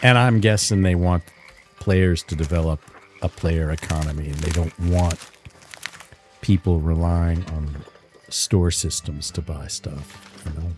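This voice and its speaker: A man's voice: low voice, steady tone, measured pace, over music. A man streaming a western role-play game, chatting casually and rambling through stories with chuckles. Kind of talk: casual in-character chat while streaming.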